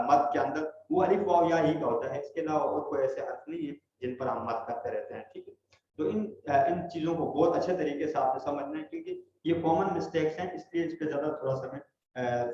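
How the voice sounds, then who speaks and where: A man's voice: on the high side, a little mellow. A man teaching a Quran recitation class online, patient and explaining step by step. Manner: patient, explains step by step, checks understanding often. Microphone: online video call. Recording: echoey, muffled online call audio.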